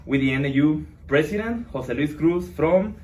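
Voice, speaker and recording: A man's voice: a little high, expressive, normal speed, darkish tone. Young man hosting an interview. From Mexico. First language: Spanish. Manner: eager, restarts his sentences. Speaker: podcast host. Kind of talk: casual interview. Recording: roomy echo, distant mic.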